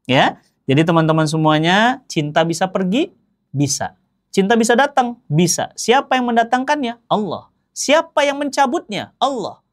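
A man giving a sermon as an Islamic preacher. He speaks in a lively, joking, conversational way, asking rhetorical questions and answering them himself. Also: high-pitched, normal speed.

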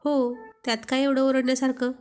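A shy young wife speaks bashfully and fondly to her husband, voiced by a woman reading a storybook aloud. Her voice sits fairly high. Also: little pitch movement, a little fast, darkish tone, clear, resonant tone, lightly acted. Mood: bashful, teasing. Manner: bashful and affectionate.

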